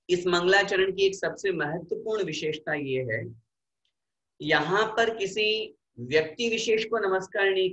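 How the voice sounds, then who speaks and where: A man teaching a scripture lesson, explaining slowly and leading recitation of verses. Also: a little high, a bit bright, echoey room, dull audio. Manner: slow, explanatory, leads chanting of verses. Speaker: religious teacher.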